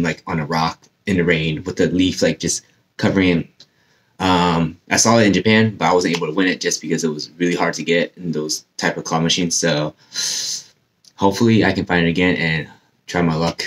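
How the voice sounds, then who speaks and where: A young man with a deep, low voice chats his way through a casual unboxing vlog. His speech is loose and full of fillers, and his mouth is a little numb from dental surgery, so some words come out slightly slurred. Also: fairly bright tone. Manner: chatty, rambling with many fillers. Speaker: YouTube host.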